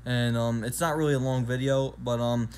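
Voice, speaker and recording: A man's voice: mid-range voice, steady tone, moderate pace, a little mellow, smooth. Rambling young man vlogging to camera. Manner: rambling, with many ums and restarts. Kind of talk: casual vlog talk to camera. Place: indoors, small room at home. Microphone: phone camera at arm's length.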